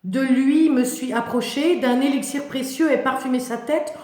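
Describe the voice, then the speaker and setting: A woman's voice: sits high, moderate pace, darkish tone, natural voice. A woman voicing a defiant, devoted outcast woman in a solemn, emphatic, declamatory biblical monologue. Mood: humble. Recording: echoey, reverberant room.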